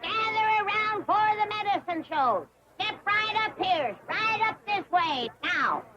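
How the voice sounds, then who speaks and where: Scrappy old hillbilly granny, high, slow-talking, wheedling, barker patter. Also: female voice, pushed and bright, exaggerated voice. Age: older. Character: feisty old hillbilly granny, self-styled doctor. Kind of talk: 1960s sitcom acting. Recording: dull lo-fi TV audio with noise.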